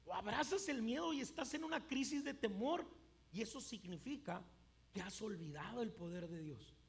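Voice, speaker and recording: A male pastor preaching a sermon emphatically, swinging between loud and hushed, with occasional stumbles and repeated words. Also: high-pitched, expressive, normal speed.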